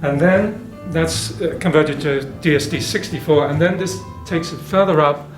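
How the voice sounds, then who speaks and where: An exhibitor with a voice on the high side speaks at a moderate pace while demonstrating hi-fi equipment. His informal, detailed presentation explains technical points in a roomy indoor show demo room, with music playing in the background.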